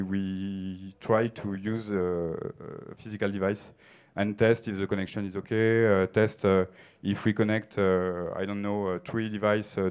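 Hesitant French-accented man, smooth low voice. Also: a little mellow. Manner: hesitant, many filler sounds and restarts. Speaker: conference speaker. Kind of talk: conference Q&A answers. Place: stage of a theater hall. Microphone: handheld mic.

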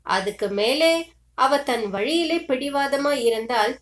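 A woman's voice: sits high, animated, unhurried, reverberant. A woman voicing a weary older man who soothes and advises in a resigned tone.

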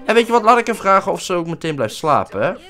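A man's voice: high-pitched, big pitch swings, fast talker, bright, forceful tone, faint music behind. A young man giving playful, casual let's-play commentary, often voicing his character with mock emotional outbursts. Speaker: gaming YouTuber.

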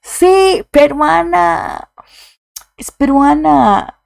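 A woman's voice: high voice, very slow, gravelly, no room sound, clean studio sound. A woman hosting a reaction video who talks effusively and reads viewer comments aloud, now and then slipping in English exclamations. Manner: slips English exclamations into her talk. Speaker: YouTube reaction host.

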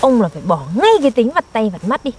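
A woman's voice: fairly high pitch, sing-song, quick pace, darkish tone, husky. A young woman, performing in a scripted comedy skit and teasing and scolding her partner in an exaggerated way. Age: young adult. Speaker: comic actor.

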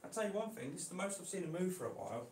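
A man keeping reptiles, chatting casually to viewers while gently coaxing and handling a snake indoors. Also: high-pitched, very animated, rapid-fire, roomy sound, slight background noise. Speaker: reptile keeper vlogger. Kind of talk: casual vlog. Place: indoor room.

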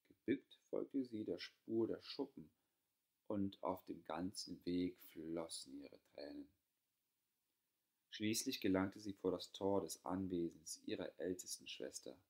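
A man reading a fairy tale aloud as an audiobook, telling it in a calm, even way. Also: deep voice. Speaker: audiobook reader.

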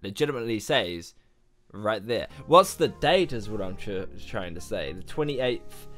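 A young adult man with a husky morning voice hosts a music reaction vlog from a small bedroom, excitable, animated, and full of slang and exclamations. His voice is lowish and unhurried, and he speaks into a studio mic in front of him with headphones on.

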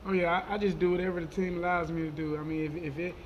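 A college football player in his twenties answering post-game questions quickly, often repeating words as he goes. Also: sits high, fairly even intonation, dull audio, a little hiss or hum. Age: 20s. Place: press conference room, indoors. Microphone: table microphone.

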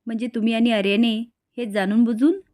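A woman's voice: on the high side, steady tone, fast talker, dark tone, no echo, studio quality, close to an everyday voice. A woman reading the lines of an upset adult man in a retold serial episode, raising her voice in reproach. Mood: angry, hurt.

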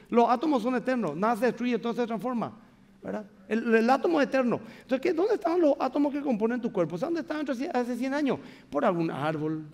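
A man's voice: very high voice, lively intonation, a little fast, a little mellow, big-room sound. A man pastor with a Paraguayan accent preaching a sermon, emphatic and conversational, speaking straight to the congregation in a large church. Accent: Paraguayan Spanish.

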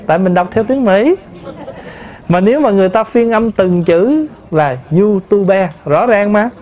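A man, a Buddhist monk, giving a sermon to an assembly and explaining pronunciation slowly with many repetitions. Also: fairly high pitch, darkish tone. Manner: slow, explanatory, addresses the assembly, repeats terms to teach pronunciation. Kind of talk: sermon answering a listener's question.

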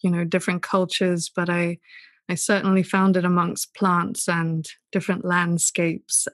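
Gentle woman from Southern Africa, flat tone. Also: lowish voice, measured pace, no echo. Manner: thoughtful, gentle, with many "sort of" hedges. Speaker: podcast guest, poet and author. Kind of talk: reflective interview answers.

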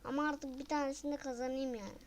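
Woman gamer yelling and repeating herself, high voice, noisy game audio in the back. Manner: excitable, repeats words in rapid bursts, loud frustrated outcries. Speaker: gaming video creator. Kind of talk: casual gameplay commentary.

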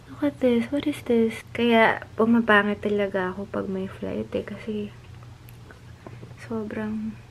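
A woman's voice: mid-range voice, slight background noise. A young woman with a Filipino accent, chatting casually to her viewers from a hotel room and slipping Tagalog words into her English. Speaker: travel vlogger. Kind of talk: casual vlog chat. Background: background music.

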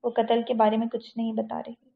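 A woman's voice: on the high side, completely flat delivery, vocal fry. A woman voicing a male informant who reports by phone in a matter-of-fact way. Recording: tinny phone-like audio.

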